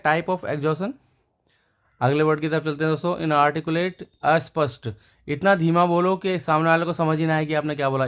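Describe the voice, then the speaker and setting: A man's voice: a little high, smooth. A man teaching English vocabulary, repeating each word before giving its meaning and synonyms. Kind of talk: explaining words and synonyms to viewers.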